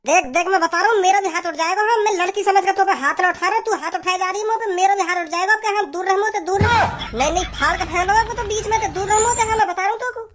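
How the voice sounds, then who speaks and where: High fast woman voicing cartoon scenes. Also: heavy background noise. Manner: rustic Hindi dialect banter. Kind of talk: cartoon dub with several voices.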